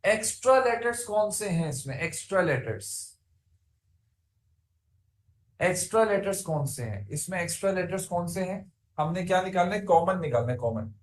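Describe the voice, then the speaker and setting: Male teacher a high voice and tinged speech, drills a class repeated questions; roomy sound. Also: animated, normal speed. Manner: asks students repeated questions, chants word forms. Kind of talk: classroom grammar lesson.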